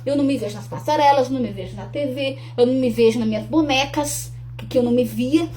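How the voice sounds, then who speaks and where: A woman's voice: high-pitched, fast, warm tone. A young adult woman, talking earnestly to camera with frequent restarts and tag questions. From Rio Grande do Sul, Brazil. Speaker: speaker promoting her talk. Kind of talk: casual to-camera talk.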